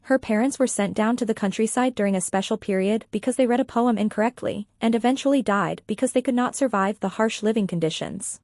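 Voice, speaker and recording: Woman reading an audiobook, kinda high voice, flat matter-of-fact telling, dry close mic. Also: fast, hardly any pauses, dry recording. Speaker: narrator. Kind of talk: audiobook narration.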